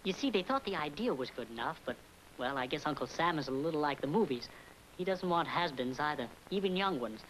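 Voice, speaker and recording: A woman's voice: sits low, expressive, fairly quick, rough recording. A young woman playing an earnest niece who asks her aunt to star in a show, in an old film. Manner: earnest, pleading. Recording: old film soundtrack with hiss.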